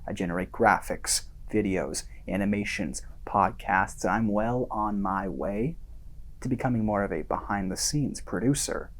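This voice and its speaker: In a radio monologue, an actor with a deep voice plays a smug, self-satisfied content creator. The delivery is condescending and theatrical, with deliberate pauses and a smug yet genial mood.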